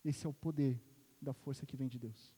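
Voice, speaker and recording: A male pastor preaching a sermon, swinging between soft and loud and asking the congregation rhetorical questions. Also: mid-range voice, steady tone, normal speed, breathy edge. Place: church sanctuary. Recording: long reverb of a church hall.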